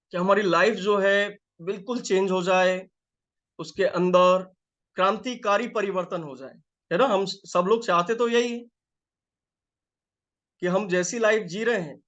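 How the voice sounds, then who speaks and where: A man's voice: high voice, fairly bright tone, lo-fi sound. A life coach, a man, teaching a live group session in a conversational way, repeating phrases and checking that listeners follow, while feeling a little unwell.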